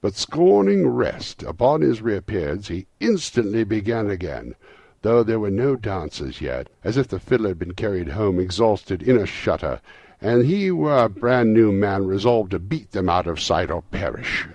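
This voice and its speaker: Man narrating with gravelly lively delivery. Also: on the low side, normal speed, dry recording. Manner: lively, rhythmic storytelling. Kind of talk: dramatic storybook narration.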